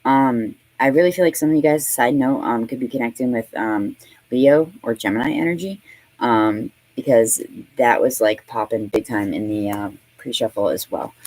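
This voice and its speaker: A woman's voice: extremely low pitch, moderate pace, darkish tone, low-quality recording. A woman in her late thirties gives a casual tarot reading in a loose, conversational way. She swears freely, laughs often and fills her talk with "um" and "you know". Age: 30s. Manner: chatty and profane, laughing often, full of fillers. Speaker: tarot reader.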